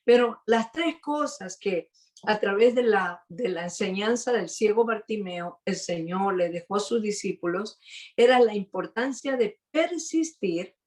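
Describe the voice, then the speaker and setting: A woman preaching a sermon over a video call, earnest and slightly hoarse, pausing for emphasis. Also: mid-range voice.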